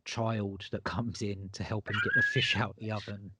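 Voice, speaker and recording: A man's voice: on the low side, fairly even intonation, normal speed, very noisy. Enthusiastic man chatting on a podcast. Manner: enthusiastic, emphatic, repeats himself. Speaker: podcast co-host. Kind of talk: casual horror podcast chat.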